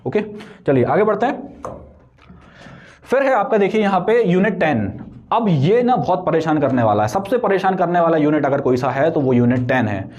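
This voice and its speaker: A man's voice: fairly high pitch, very animated, normal speed, a little mellow, lo-fi sound. A young man giving casual, explanatory advice on exam preparation, talking conversationally and checking in with frequent tag questions. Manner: conversational, frequent tag questions, mixes English terms into Hindi. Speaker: exam coaching vlogger.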